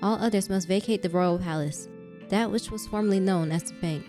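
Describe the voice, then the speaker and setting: A woman voicing a pompous, ceremonial game announcer proclaiming decrees in a raised, louder voice. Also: medium pitch, fairly quick, soft background music, close to an everyday voice. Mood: grandiose.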